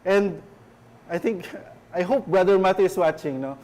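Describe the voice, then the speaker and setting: A man's voice: sits high, unhurried, darkish tone. A man with a Filipino accent preaching a conversational church sermon, often checking in with rhetorical questions. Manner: chatty, keeps asking rhetorical tag questions.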